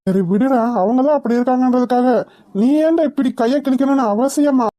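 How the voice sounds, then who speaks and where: Young cartoon friend, earnest scold, voiced by a woman; mellow, dry. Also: high-pitched, a little fast, no echo, natural voice. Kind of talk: cartoon voice acting.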